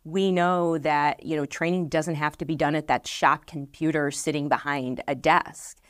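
A middle-aged woman with a low, dry voice answers interview questions on a podcast set. She speaks earnestly, circling back with fillers and restarts as she explains. The lapel mic keeps the sound close and dead. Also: steady tone, moderate pace, no echo. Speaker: marketing director guest.

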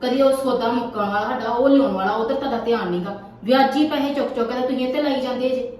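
A woman's voice: on the high side, fast talker, far from the mic, close to an everyday voice. A woman playing a scolding, irritable wife. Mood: annoyed. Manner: scolding, sharp-tongued, grumbling. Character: irritable, complaining wife worried about money. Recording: echoey room, voice off-mic, faint noise.

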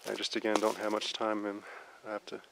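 Guy low voice mumbling thoughts while hiking outdoors, noisy cam audio. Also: completely flat delivery, vocal fry. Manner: musing, halting, soft-spoken. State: out of breath. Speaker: vlogger exploring for Bigfoot signs. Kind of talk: casual hiking commentary. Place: outdoors in a mountain forest.

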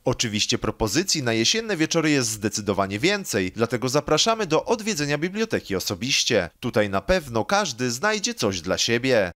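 A man's voice: medium pitch, sing-song, fairly quick, fairly bright tone. A man narrating a local news segment in a scripted voice-over.

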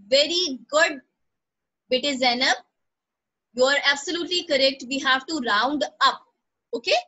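The recording is low quality: a woman from Pakistan, her voice high and bright, teaching online through a computer mic on a call. She patiently goes over each instruction more than once and praises students by name.

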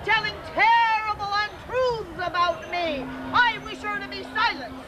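A woman's voice: very high voice, measured pace. A woman playing an indignant, gossipy village woman on an outdoor ren faire stage, projecting theatrically in mock archaic English. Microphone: far camera. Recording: noisy outdoor camcorder audio, crowd behind.

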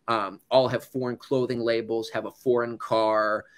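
A man's voice: mid-range voice, flat delivery, moderate pace, clear, resonant tone. A man from the United States who works as a news correspondent, telling stories to an audience in a loose, conversational way full of "like" and "you know.". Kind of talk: casual storytelling talk to an audience.

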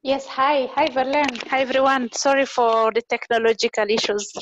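A woman in her forties from Mali, making an earnest, halting comment over a video call with many fillers. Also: sits high, steady tone, muffled recording, slight background noise. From Mali, West Africa. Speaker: audience participant in online talk.

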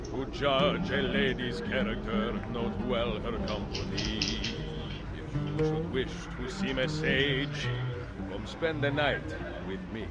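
A man's voice: mid-range voice, takes it slowly, lightly acted. An actor playing a male Renaissance minstrel who sings mocking rhymes in a theatrical, sing-song way, in a video game. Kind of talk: sung verse in a video game. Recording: game audio under loud music.

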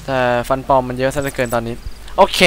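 A young man with a Thai accent giving chatty, excitable let's-play commentary, often startled into quick exclamations. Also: medium pitch, a little hiss or hum, poor audio. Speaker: gaming channel host.

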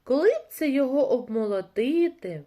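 Woman voicing two squeaky, lazy little mice. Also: very animated, moderate pace, dark tone. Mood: carefree. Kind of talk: storybook reading for children.

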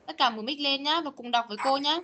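A woman teaching English online, modeling words slowly and correcting students patiently. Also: high voice, pushed and bright, highs cut off, slight background noise. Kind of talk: online class pronunciation drill. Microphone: computer mic on video call.

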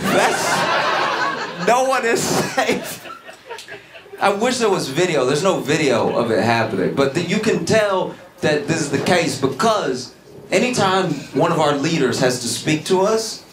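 A young man from Louisiana doing a stand-up comedy set, telling stories animatedly and jumping into high shouted punchlines. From Louisiana, USA. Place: comedy stage before a live audience. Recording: roomy venue with loud background noise.

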